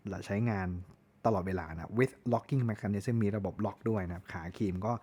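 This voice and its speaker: Thai man with a low, husky voice. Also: a little mellow. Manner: chatty, corrects himself, spells out words. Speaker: tool reviewer. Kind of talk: casual product review.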